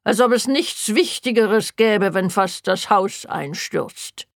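Woman reader playing a fussy, alarmist older mother in an audiobook; reproachful, slow and nagging, dry close sound. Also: fairly high pitch, animated, no room sound, pitched above the performer's own voice, natural voice. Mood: scolding. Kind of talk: audiobook character voice.

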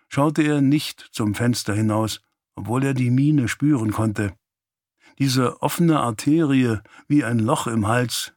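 A man reading a novel aloud as an audiobook narrator, calm and even. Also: medium pitch, no echo, clean studio sound. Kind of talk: scripted narration.

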